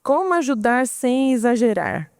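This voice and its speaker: A woman's voice: a little high, big pitch swings, measured pace, darkish tone, no echo, clean studio sound. A middle-aged woman with a Brazilian Portuguese accent, giving an informal talk and explaining patiently, often asking and answering her own questions.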